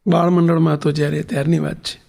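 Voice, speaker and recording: A male preacher delivers a sermon, telling a story and pressing his listeners with questions. His voice is high-pitched with a gravelly rasp. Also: little pitch movement, fast, dark tone. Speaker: spiritual leader giving a discourse.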